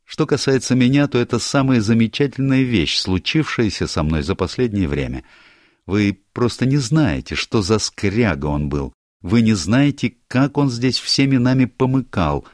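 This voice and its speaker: A man's voice: on the low side, moderate pace, few pauses, no echo, studio quality, voice pushed up, natural voice. A man voicing a teasing, outspoken young woman in an audiobook, gushing and theatrical. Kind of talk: audiobook character voice.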